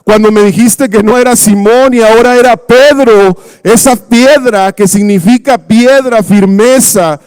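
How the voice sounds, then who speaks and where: A man's voice: measured pace, hardly any pauses, clean tone. A man doing brash, hot-tempered Peter. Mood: protesting. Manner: loud, high and emphatic. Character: brash, hot-tempered fisherman insisting he is loyal.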